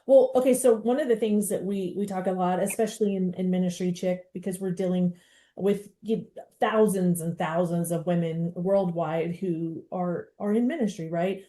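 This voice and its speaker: Mellow-voiced woman hosting a chat. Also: fairly low pitch. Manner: animated, fast-talking with restarts. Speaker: podcast host. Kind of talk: conversational interview.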